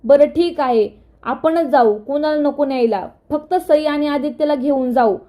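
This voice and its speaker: A woman's voice: sits high, normal speed, mellow, close to an everyday voice. A woman reading the lines of a caring, hesitant young wife, worried and considerate. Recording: dull lo-fi recording.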